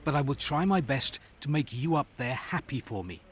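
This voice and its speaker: A man narrating a scripted news report as a correspondent, solemn and measured, in short phrases. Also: mid-range voice, sing-song, a little hiss or hum.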